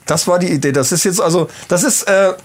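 A man's voice: high voice, a little fast. A man hosting a podcast, chatting casually and searching for words. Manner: hesitant, many fillers. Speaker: podcast host. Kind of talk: casual chat.

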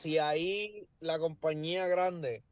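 A man's voice: on the high side, slow, dry recording, lo-fi sound. A man with a Puerto Rican accent in a casual gossip chat, slangy and swearing often as co-host. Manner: slangy, swears often, keeps saying cabrón.

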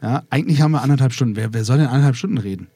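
A German man hosts a live podcast before an audience in a festival recording room, joking around and drifting off topic. His medium-pitched voice races along with a dark tone, and there's no room sound.

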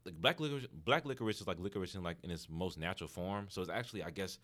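A man's voice: low voice, racing, a bit bright. A man co-hosting a podcast in casual banter with friends, slangy and swearing freely. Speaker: podcast co-host.

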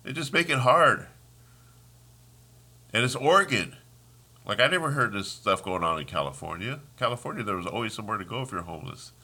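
A man's voice: lowish voice, lively intonation, a little fast, pauses often, bright, forceful tone. A congested man hosting a solo podcast, talking in a heated, rambling rant with many restarts. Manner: heated, ranting, trails off and restarts. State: congested, sniffling. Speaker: podcast host. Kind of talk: casual solo podcast monologue.

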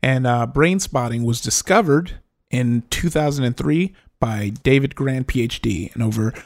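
A man with a gravelly voice reads a definition aloud in a steady, measured way. The sound is dry and close, with no room echo. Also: medium pitch.

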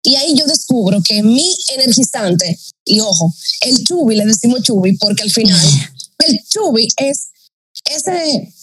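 Dominican lady mentor on a podcast, talks animated and voices her own thoughts, kinda high voice, loud crowd behind. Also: unhurried, low-quality recording. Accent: Dominican Spanish. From Dominican Republic. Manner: animated, acts out her own inner dialogue in quotes. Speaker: entrepreneurship mentor, guest. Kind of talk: podcast conversation, personal storytelling.

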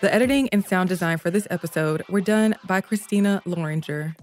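A woman's voice: lowish voice, fairly quick, darkish tone. A woman narrating scripted podcast notes and credits as the show's producer. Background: music under the voice.

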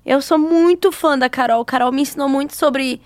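A podcast co-host talks in casual, effusive chat, leaning hard on emphasis. Her voice is high. The sound is close and dry. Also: moderate pace, dry recording.

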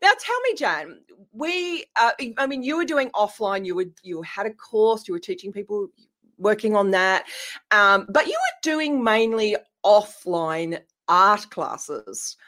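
A woman hosting a casual live online interview, chatty and quick to laugh. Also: mid-range voice, expressive. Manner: chatty, warm-hearted asides, laughs often. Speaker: interview host. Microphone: webcam on a video call.

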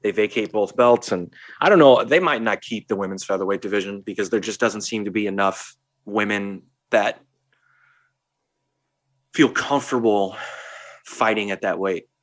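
A man with a low voice rambles through a casual podcast chat, circling back on himself and restarting sentences. He speaks as one of the show's hosts. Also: normal speed. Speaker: podcast co-host.

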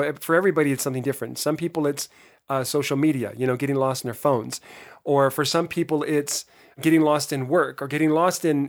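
Hoarse man hosting a motivational podcast. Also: fairly high pitch. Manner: earnest, emphatic, addresses listeners directly. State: hoarse voice from being run down. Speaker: podcast host.

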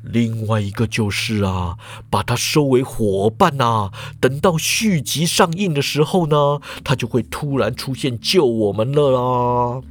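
A man voicing a grave older male professor who speaks slowly and quietly. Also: natural voice. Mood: wry. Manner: low, slow, subdued.

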